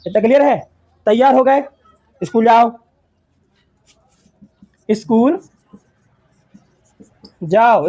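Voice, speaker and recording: A man's voice: sits high, warm tone, poor audio. A man teaching English in a classroom, repeating phrases word by word and quizzing his students. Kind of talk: classroom lesson.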